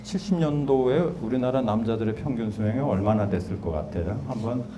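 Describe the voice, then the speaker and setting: A man's voice: mid-range voice, a little fast. A man in his sixties giving a public lecture in a small hall, chatting and asking the audience questions. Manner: conversational, asks the audience questions. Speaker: guest lecturer. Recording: lecture hall with background noise.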